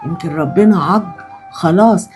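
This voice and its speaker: A woman's voice: fairly low pitch, fairly quick, a little mellow, soft background music, lightly acted. A woman playing a middle-aged mother in a comedy sketch, with an Egyptian accent and an imploring manner. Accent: Egyptian Arabic. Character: gentle middle-aged mother, pleading for mercy.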